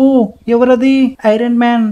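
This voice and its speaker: A woman voicing an excitable young boy in a cartoon-style game voiceover, calling out to his friends, on dull lo-fi audio. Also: a little high, measured pace, close to an everyday voice. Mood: alarmed. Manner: excited, calls out constantly.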